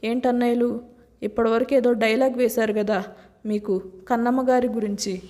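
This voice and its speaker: A woman's voice: a little high, steady tone, moderate pace, mellow, natural voice. A woman voicing a sarcastic, exasperated rich young husband, with a long reverb. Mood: mocking. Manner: mocking, exasperated.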